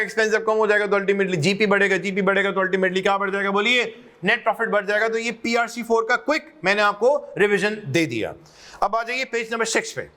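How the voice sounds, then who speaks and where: A man's voice: very high voice, bright, forceful tone. A male accounting lecturer, giving a classroom lecture, slipping English terms into his explanations and quizzing students as he goes. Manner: jokes and teases students.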